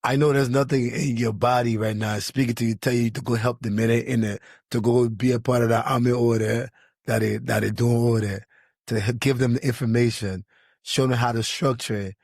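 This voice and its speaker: A man from Liberia hosts a casual panel podcast, speaking at a middling pitch in a dry, close-miked studio sound. He presses his points hard, doubling words as he goes. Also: steady tone, brisk, creaky, a little mellow, no echo. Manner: emphatic, repeats words while building a point. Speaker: podcast host.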